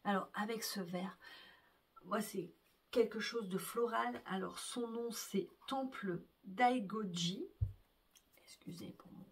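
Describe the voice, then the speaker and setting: A woman hosting a knitting podcast, gushing over yarns in hesitant casual chat with soft whispered exclamations. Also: mid-range voice, fairly even intonation, a little slow, breathy edge, distant mic. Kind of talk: casual show-and-tell chat.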